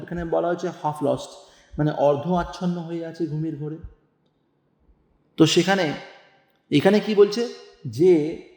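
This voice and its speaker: A man's voice: fairly high pitch, creaky, darkish tone, echoey room, big-room sound. A man teaching an English poem, reading lines aloud, spelling out words and asking his students questions. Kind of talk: poetry lesson explaining lines.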